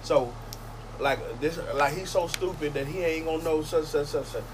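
In a casual group chat with a noisy background, a man older than the others lectures and seeks agreement, preachily repeating "you hear me?" His voice is a little high and moves at normal speed.

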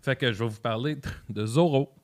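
A man's voice: medium pitch, moderate pace. A man with a Québécois accent presenting his segment on a talk show in a casual, chatty way, with many fillers and restarts. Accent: Québécois French. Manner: animated, hesitant with many fillers. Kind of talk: casual chat.

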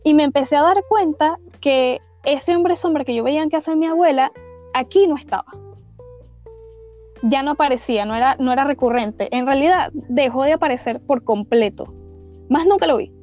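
A woman's voice: high voice, moderate pace. A young woman with a Venezuelan accent tells a ghost story in casual, slangy chat, full of fillers and restarts. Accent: Venezuelan Spanish. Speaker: podcast storyteller. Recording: dull lo-fi recording with faint music.

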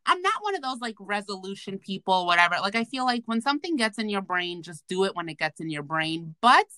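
A woman hosting a casual podcast, talking in an animated, slangy, profane way, recorded remotely from a bathroom. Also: mid-range voice, fairly quick, no echo. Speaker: podcast host. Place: bathroom, at home.

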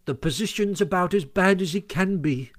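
A man voicing an earnest, warm-hearted mole in a storybook, speaking in an exclamatory way. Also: sits high, lively intonation, normal speed, no room sound, clean studio sound, pitched above the performer's own voice. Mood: grumpy. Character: eager, warm-hearted, easily impressed male mole. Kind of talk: storybook character voice.

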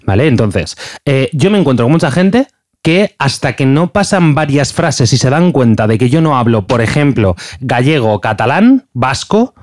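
A man's voice: medium pitch, very animated, normal speed, no echo, clean studio sound. A man from Valencia chatting casually as a podcast co-host, often checking in with "¿vale?". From Valencia, Spain. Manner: chatty, peppers speech with "¿vale?". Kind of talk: casual chat.

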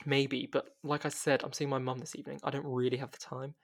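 A weary young woman, a former librarian turned investigator, who sounds tired and subdued, as a man reads her in a storybook. Her lines stay near his plain speaking voice, only slightly lifted, with a quiet, deflated evenness. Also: medium pitch, little pitch movement, brisk, close to an everyday voice.

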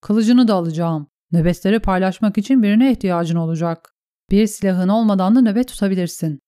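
A woman's voice: mid-range voice, fairly quick, mellow, no echo, close to an everyday voice. A woman voicing a cynical noble male knight with a dry, mocking way of talking, reading in an audiobook. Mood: sardonic.

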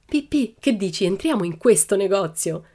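Storybook: woman reader as a keen little boy, high and eager. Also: very animated, moderate pace, darkish tone, breathy edge, heavily acted. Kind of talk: audiobook character reading.

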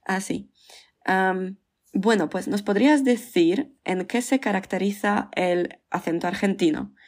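A woman's voice: medium pitch, measured pace, darkish tone. A woman hosting a podcast who asks questions in a friendly, casual way with hesitant fillers. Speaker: podcast host. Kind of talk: casual interview chat.

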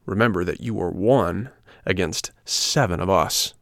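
Man doing a taunting young schoolboy bully, raised pitch. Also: animated, normal speed, a bit bright, no echo, studio quality. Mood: threatening. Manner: jeering, emphatic, taunting. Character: mocking gang of rascal schoolboys, bullying and taunting.

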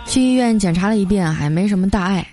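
A woman hosts a comedy story segment in a chatty, lively radio manner. Her voice sits in a middle pitch. Soft music plays faintly behind her. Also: fast talker. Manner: chatty, lively, sprinkles filler particles.

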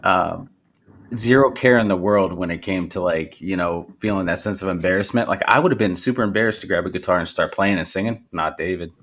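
A man's voice: deep voice, a little fast, fairly bright tone. An American man hosting a podcast, chatting in an informal, buddy-like way. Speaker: podcast host. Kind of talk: casual chat.

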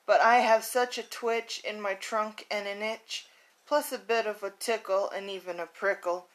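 A woman's voice: medium pitch, moderate pace, lightly acted, rough recording. A woman voicing an apologetic male elephant in a rhyming storybook read aloud. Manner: apologetic, fussy rhyming speech. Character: sorry, sneezy male elephant.

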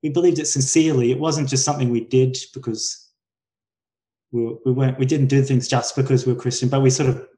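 A man's voice: medium pitch, steady tone, fairly quick, mellow. A man in his forties with a Queensland Australian accent, chatting as an interview guest in a hesitant way, often circling back to rephrase himself. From Brisbane, Australia. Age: 40s. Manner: hesitant, frequent self-corrections and trailing thoughts. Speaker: podcast guest. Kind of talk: casual conversational interview.

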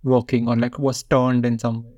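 A young man in casual film-review chat, animated and acting out lines from the movie. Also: medium pitch, moderate pace, dry recording, clean studio sound. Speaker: film podcast co-host.

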